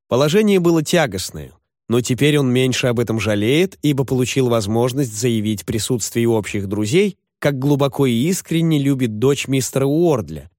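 A man narrates a classic novel in an expressive audiobook reading. His pitch moves lively and widely around a medium register. The recording is close and dry. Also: dry recording.

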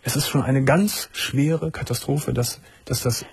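A man hosting a late-night radio call-in, who asks calm, empathetic questions and murmurs gentle agreement. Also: mid-range voice, a little slow, creaky, husky. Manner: gentle, with frequent affirming murmurs. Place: radio studio.

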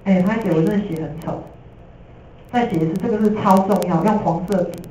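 Taiwanese mandarin lady teaching class, jokey and lively, echoey room, mic kinda far off. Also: medium pitch, brisk, slight background noise. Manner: lively and jokey, slips in English terms. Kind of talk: classroom lecture.

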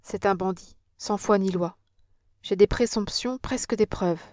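A woman's voice: medium pitch, unhurried, darkish tone, no room sound, studio quality, natural voice. A woman reading an audiobook and voicing an impassioned young Parisian woman with an earnest, dramatic manner.

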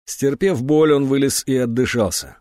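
A man narrating an audiobook in an expressive, dramatic reading. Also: mid-range voice, normal speed, no echo, clean studio sound. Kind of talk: scripted narration.

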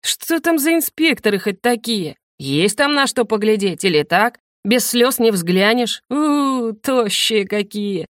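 A woman's voice: fairly high pitch, very animated, moderate pace, few pauses, no room sound, clean studio sound. A woman putting on a brash ghost girl. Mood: grumbling, mocking. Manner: mocking, drawling, theatrically plaintive. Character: cheeky nosy ghost girl, brash and theatrical.

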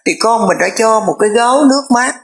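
A Buddhist nun, telling a story in a conversational dharma talk. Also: female voice, on the high side. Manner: conversational, repetitive fillers, drawn-out phrases.

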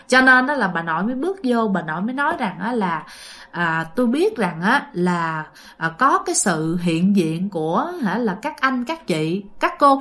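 A woman with a Southern Vietnamese accent tells a ghost story in a loose, chatty voice. Her pitch sits a little high. She fills her sentences with small fillers and keeps speaking to her listeners. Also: a bit bright. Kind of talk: casual ghost story narration.

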